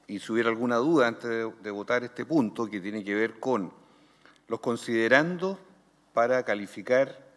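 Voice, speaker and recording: Chilean guy running a committee session, firing off detailed questions, hall echo. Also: medium pitch. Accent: Chilean Spanish. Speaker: committee chair. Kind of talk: formal committee proceedings. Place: senate committee room. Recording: long reverb in a hall.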